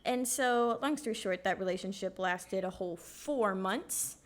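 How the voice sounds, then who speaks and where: A young woman co-hosting a podcast, telling stories in a casual, animated way with lots of fillers. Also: mid-range voice, normal speed. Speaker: podcast co-host. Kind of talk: casual chat.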